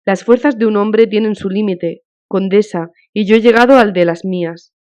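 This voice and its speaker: A woman reading an audiobook, voicing a grieving, humiliated middle-aged official in a weary, halting, thin voice, on a dull lo-fi recording. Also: medium pitch, a little mellow, close to an everyday voice. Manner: weary, broken, halting complaint.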